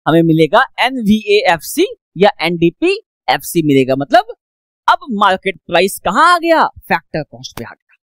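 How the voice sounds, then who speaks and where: Lively woman teaching with questions. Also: lowish voice, moderate pace, no room sound. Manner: asks questions and answers them herself, repeats points; mixes English phrases into Hindi speech. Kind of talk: classroom economics lecture.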